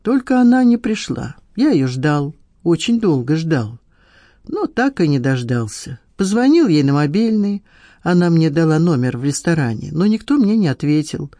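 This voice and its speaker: Reader doing a whiny, defensive man in an audiobook, pitched up, lively swings. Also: moderate pace, no echo. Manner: aggrieved, defensive, whining. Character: whiny petty middle-aged man, self-pitying. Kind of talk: audiobook dialogue.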